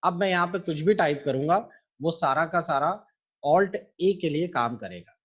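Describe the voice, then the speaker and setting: Male computer teacher for a screen-recorded lesson, patient and methodical, somewhat higher voice, muffled home mic. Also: animated, normal speed. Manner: patient, explains step by step to students.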